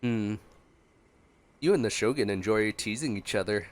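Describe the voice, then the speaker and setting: A gaming streamer gives casual, chatty, playful reaction commentary at a normal pace, his male voice on the low side. Game music plays in the background of the recording.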